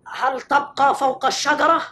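A woman's voice: high-pitched, steady tone, moderate pace, bright, forceful tone, a little hiss or hum. Woman playing a mocking mischievous boy. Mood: taunting. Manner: teasing, mocking, gloating laughter. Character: mischievous taunting boy, Cain as a child. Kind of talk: radio drama acting.

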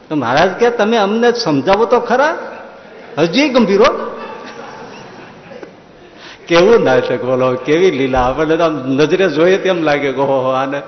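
A swami delivers a devotional discourse, chanting verses and acting out the voices of the people in his story. His voice sits fairly high for a man. The recording is dull and lo-fi, with a long hall reverb and faint ambience behind it. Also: unhurried, pauses often. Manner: animated storyteller, chants Sanskrit verses, acts out dialogue. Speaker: swami giving a religious discourse. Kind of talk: Gujarati katha sermon with storytelling.

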